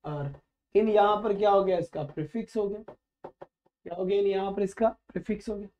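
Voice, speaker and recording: A male teacher runs a live online vocabulary lesson, firing questions and answering them himself in a steady drilling rhythm. His voice has a mellow, soft-edged warmth. The stream audio sounds dull and lo-fi, with the highs rolled off. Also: normal speed. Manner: calls students "beta", friendly and instructive.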